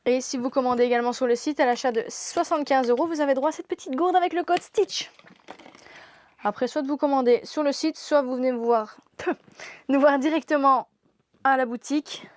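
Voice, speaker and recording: High-pitched young woman, gushing live-stream seller, laughs a lot. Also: moderate pace, a little mellow. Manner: enthusiastic, gushing, laughs often. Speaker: shop saleswoman presenting products. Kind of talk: live-stream product showcase.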